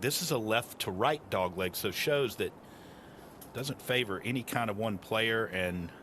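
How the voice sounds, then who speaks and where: A man's voice: fairly low pitch, fairly bright tone. A man working as a golf commentator, giving live analysis of televised play. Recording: noisy outdoor broadcast sound.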